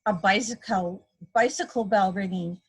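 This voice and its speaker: This low-quality recording captures a mother, a guest storybook reader, reading a picture book to young children at normal speed. Her mid-range voice is slightly rough, and she explains things in a simple, teacherly way while playfully voicing sound effects.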